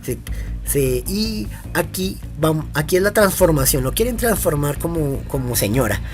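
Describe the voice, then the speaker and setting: A man talks through a film's plot in a loose, unscripted commentary, circling back and restarting sentences as he goes. His voice sits slightly high for a man. A little music plays quietly in the background. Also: animated. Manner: meandering, halting retelling with frequent restarts. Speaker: film reviewer. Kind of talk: casual film commentary.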